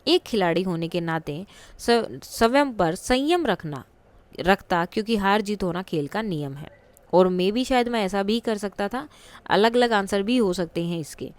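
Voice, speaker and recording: A woman's voice: medium pitch, lively intonation, measured pace, no room sound. A woman teaching a school textbook lesson, explaining patiently step by step with examples and questions to the class.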